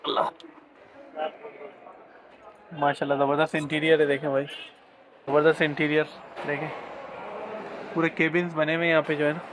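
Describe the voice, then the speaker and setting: A man's voice: a little high, level tone, quick pace. A man in his thirties casually vlogging a restaurant meal and a night drive on his phone, chatty and enthusiastic, often adding religious blessings. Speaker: food vlogger. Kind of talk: casual food vlog. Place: restaurant cabin, then inside a car at night. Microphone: handheld phone camera. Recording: noisy street and car background.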